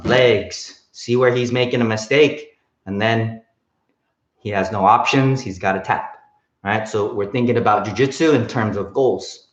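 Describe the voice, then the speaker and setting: Roomy, muffled male coach giving sharp martial arts commands. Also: lowish voice. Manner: sharp, clipped martial arts commands when calling drills; casual, explanatory, frequent "right?" check-ins. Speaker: jiu-jitsu coach teaching a kids' class. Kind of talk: martial arts class instruction with counted drills. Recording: muffled, roomy lo-fi class livestream.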